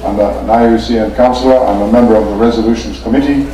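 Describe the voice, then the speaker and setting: A man from Fiji, chairing a formal meeting in a polite, measured way with frequent pauses. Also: lowish voice, steady tone, mellow. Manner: polite, measured, often pausing. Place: conference meeting room. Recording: echoey meeting room, mic at a distance.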